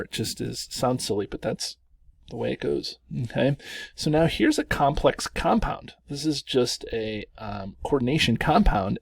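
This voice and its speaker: Slow gravelly guy walking thru chem problems, chatty, fixes himself a lot, dry sound. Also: medium pitch, a little mellow, no room sound. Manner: chatty, self-correcting, chuckles at the long names. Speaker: chemistry teacher. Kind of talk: lecture walking through worked examples.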